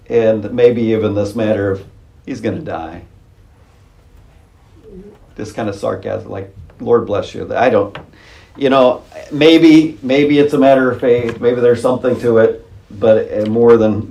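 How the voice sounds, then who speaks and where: A man's voice: on the low side, warm tone. A male pastor preaching a conversational, wry sermon with chuckling asides. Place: church sanctuary. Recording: roomy church sanctuary.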